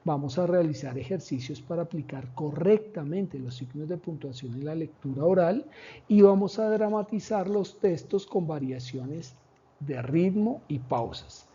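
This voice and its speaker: A man presenting a lesson plan in a measured, explanatory way, with pauses and fillers. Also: on the high side, animated, warm tone, slightly rough. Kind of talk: slide presentation. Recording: dull lo-fi recording.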